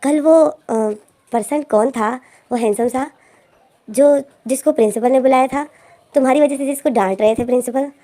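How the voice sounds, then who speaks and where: A woman's voice: sits high, normal speed, mellow, close to an everyday voice. A woman doing a chirpy, nosy schoolgirl. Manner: chirpy, teasing questions. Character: cheerful, nosy young female student.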